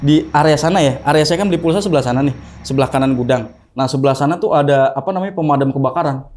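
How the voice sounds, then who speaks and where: A young man telling a ghost story in casual talk, acting out the quoted voices in a higher pitch. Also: rapid-fire, slight background noise. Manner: animated, acts out the quoted voices with rising pitch. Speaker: guest storyteller.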